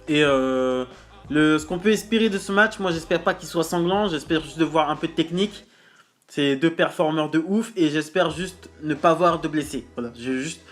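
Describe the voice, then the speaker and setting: A man hosting a casual wrestling news show, speaking bluntly with slang and pausing often with fillers and restarts. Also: a little high, a bit bright. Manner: hesitant, many filler pauses and restarts.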